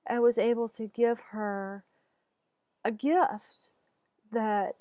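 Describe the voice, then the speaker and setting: A woman talking slowly and haltingly about the loss of her pet, teary at times. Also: a little high, darkish tone, no room sound, dull audio. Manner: slow, halting, searching for words. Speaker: animal communicator. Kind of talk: personal talk to camera.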